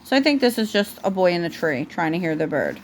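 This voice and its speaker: A woman reads a storybook to her young child at home, often pausing for asides that correct the kid. She speaks quickly with big pitch swings in a lowish voice, and a slight hiss or hum is audible.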